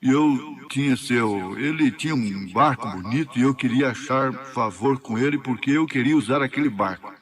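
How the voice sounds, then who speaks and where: A man with a Brazilian accent interpreting a sermon line by line, steady and faithful. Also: mid-range voice, moderate pace.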